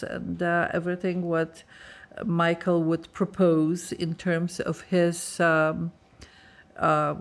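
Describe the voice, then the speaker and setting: In a documentary interview, a woman from Poland who works as a librarian speaks in a lowish voice. Polish is her first language, and her slow, halting, reflective delivery shows her searching for words.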